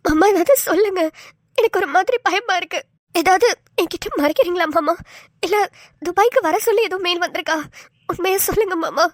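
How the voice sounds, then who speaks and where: A woman's voice: extremely high pitch, brisk, no room sound. A woman voicing a worried, tearful young wife pleading with her husband in a cartoon. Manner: pleading, fretful.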